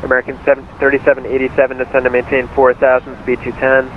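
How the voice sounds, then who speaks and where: An air traffic controller gives clipped procedural instructions over the radio in a medium-pitched, completely flat voice at a quick pace. The audio is a muffled narrowband radio transmission with cockpit drone noise.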